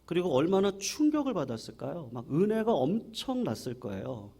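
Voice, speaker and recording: A male pastor delivers a Sunday morning sermon at a church service. His voice sits somewhat high and moves through a wide, lively melodic range. He tells the story with animation and keeps turning to the congregation with questions. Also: a little fast, gravelly, slightly rough. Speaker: senior pastor.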